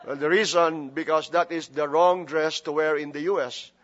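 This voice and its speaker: Here a Filipino man whose mother tongue is Filipino preaches as a visiting pastor, mixing prayer, jokes and plenty of fillers. His fairly high, fairly bright voice keeps a fairly even intonation and moderate pace on a lo-fi recording.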